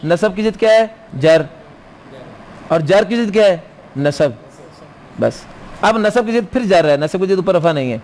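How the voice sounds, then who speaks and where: High-voiced male recitation teacher lecturing. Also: expressive, darkish tone, slight background noise. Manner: quizzes students and answers his own questions; chants Arabic verse lines slowly. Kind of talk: classroom lecture.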